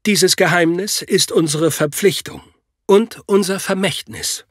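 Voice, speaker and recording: A man doing a mild, calm secret-keeper. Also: high-pitched, measured pace, no room sound, clean studio sound. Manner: mild and explanatory. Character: adult male guardian of a secret, calm and gentle.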